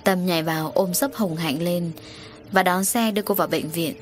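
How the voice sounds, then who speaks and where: A woman narrating a dramatic audio story in a brisk, expressive way. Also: fairly low pitch, soft background music.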